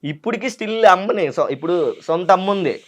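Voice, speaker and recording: A man's voice: sits high, brisk. A young man with a Telangana Telugu accent, a guest earnestly telling his childhood story in an interview. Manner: earnest, quotes family dialogue, grows animated at the twist. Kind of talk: emotional personal storytelling.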